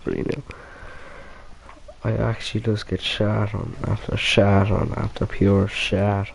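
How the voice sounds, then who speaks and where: A young man with a low, gravelly voice talks over his gameplay, muttering and swearing as his frustration builds. A faint hiss of noise sits under the recording. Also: flat delivery, a little slow. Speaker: gamer. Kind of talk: casual gameplay commentary.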